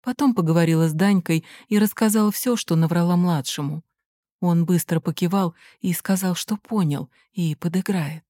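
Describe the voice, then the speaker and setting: A woman narrating a story in the first person in a measured, unhurried reading. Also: fairly low pitch, dark tone, dry recording, clean studio sound. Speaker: audiobook narrator.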